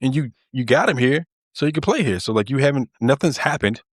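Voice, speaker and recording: Animated man in casual sports chat. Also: mid-range voice, fairly quick, dry recording, clean studio sound. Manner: animated, laughs often, repeats himself. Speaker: podcast co-host. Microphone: video call.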